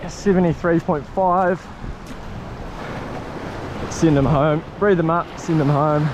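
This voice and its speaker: A man with a broad Kiwi accent and a high voice hosts a fishing vlog outdoors. He talks at an unhurried pace in matey, excitable slang. Surf and sea noise sit clearly behind him. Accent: broad New Zealand. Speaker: fishing show host. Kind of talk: casual on-location fishing vlog. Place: outdoors on a rocky coastal ledge. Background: waves and surf.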